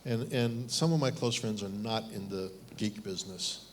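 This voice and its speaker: A man's voice: lowish voice, moderate pace, a little hiss or hum. A middle-aged man from Taiwan speaking on a panel at a fireside chat, candid and self-deprecating, with frequent restarts.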